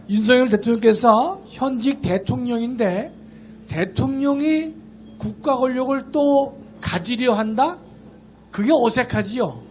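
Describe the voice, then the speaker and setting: High-pitched male professor addressing an outdoor rally, joking then emphatic, over faint background noise. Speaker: constitutional law professor, rally speaker. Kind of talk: political rally speech. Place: outdoor rally in a station square.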